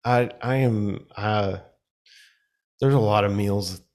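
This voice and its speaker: A man's voice: fairly low pitch, takes it slowly, a little mellow. A man from Texas with a Texan accent, chatting as a podcast guest in a rambling, self-deprecating way with many fillers. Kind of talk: casual chat.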